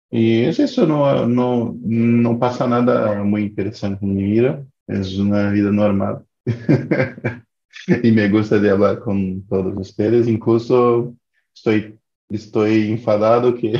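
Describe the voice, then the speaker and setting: A man's voice: lowish voice, mellow. A man in his thirties from Brazil, speaking Spanish as a learner with a Brazilian Portuguese accent, hesitant and searching for words in a casual chat. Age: 30s. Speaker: participant in a language exchange call. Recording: dull lo-fi call audio, echoey room.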